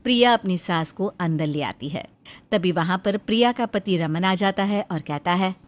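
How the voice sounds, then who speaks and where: A woman narrating a cartoon story in a lively, storytelling manner. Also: fairly low pitch, normal speed.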